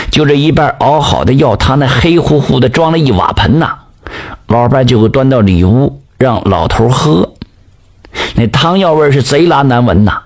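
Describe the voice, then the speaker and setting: A man with a Northeastern Mandarin accent telling a folk tale in a lively, colloquial way. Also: mid-range voice. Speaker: storyteller.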